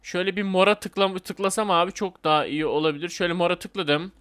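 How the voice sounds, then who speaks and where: Young man, gaming commentary, excitable, chatty, yelps, slightly high voice. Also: fast, clear, resonant tone. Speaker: gaming YouTuber. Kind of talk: casual Roblox let's play commentary.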